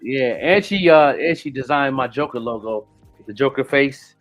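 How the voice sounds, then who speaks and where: A podcast host in his late forties rambles through a casual chat, restarting often and filling gaps with "you know what I'm saying." His mid-range voice moves at a moderate pace over soft background music, and the audio sounds dull.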